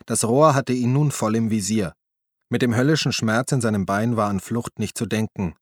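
A man narrates a thriller audiobook, reading the script in a steady, measured manner. His low voice is captured close on a studio mic, entirely dry with no room sound.

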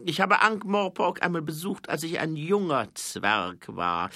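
A man acting out an old dwarf king who questions his guest slowly and loudly. His gravelly voice climbs high and swings widely as he draws out each phrase. The recording is dry and close. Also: expressive, dry recording, heavily acted. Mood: probing, weary. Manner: slow, high and loud, drawn-out.

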